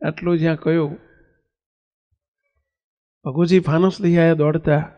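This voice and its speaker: High-voiced man preaching in echoing hall. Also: dull audio. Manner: animated, acts out dialogue with raised pitch; chants a hymn verse slowly. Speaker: preacher telling a religious story. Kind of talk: devotional sermon storytelling. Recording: long hall reverb.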